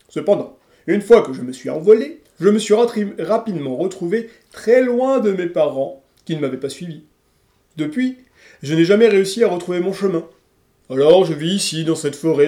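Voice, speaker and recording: A man voicing a huge, kind blue dragon who heals, speaking softly and gently in a storybook reading. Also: a little high, reverberant, lightly acted. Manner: soft and kind, slow chanting spells.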